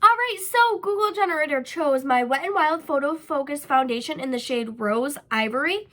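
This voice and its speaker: Stuffed up and nasal from a cold, this young woman chats her way through a makeup tutorial, filling it with ums and likes. She's a beauty vlogger whose high voice sounds animated, pushed and bright, moving at a moderate pace.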